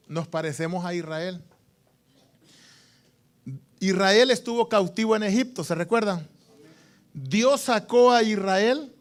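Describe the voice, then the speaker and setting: A male pastor delivers a sermon in a high-pitched voice. He calls for amens from the congregation and leans on repetition to drive home each point. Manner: preaching with call-and-response, repeats phrases for emphasis.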